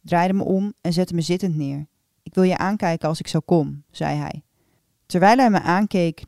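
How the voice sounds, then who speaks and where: Female reader, lowish voice, intimate confiding delivery of an erotic story, dry close sound. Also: a little mellow, no room sound. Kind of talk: reading an erotic story aloud.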